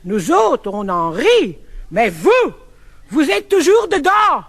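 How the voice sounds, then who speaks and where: A man's voice: extremely high pitch, wildly swooping pitch, slow pace, creaky, heavy background noise. A man with a Brussels accent performing a comic sketch, proudly declaiming verse about his accent.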